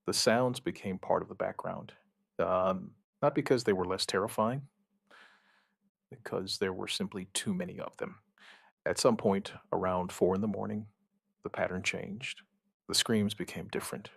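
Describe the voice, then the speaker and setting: Gravely and in short, measured phrases with dramatic pauses, a man narrates a first-person survivor horror story from a script. His voice is low. The recording is dry and studio quality.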